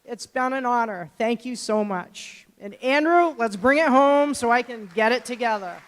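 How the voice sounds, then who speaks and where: A woman's voice: fairly high pitch, expressive, normal speed. A retiring woman principal giving a heartfelt assembly speech on a handheld microphone, her voice catching with emotion. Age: older. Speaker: retiring high school principal. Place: school gym or auditorium. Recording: long reverb of a large hall.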